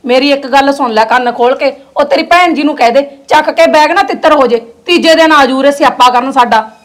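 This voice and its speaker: A resentful, sharp-tongued wife, played by a woman nags her husband in a high, fast Punjabi-accented voice. She talks quickly and stays quarrelsome. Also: natural voice. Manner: quarrelsome, nagging.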